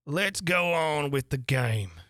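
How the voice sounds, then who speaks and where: A reader voicing a domineering, hot-tempered queen who speaks slowly and loudly. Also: mid-range voice, sing-song, no room sound, studio quality. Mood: imperious. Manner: slow, loud, commanding. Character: stern furious queen, woman, domineering. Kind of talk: audiobook character voice.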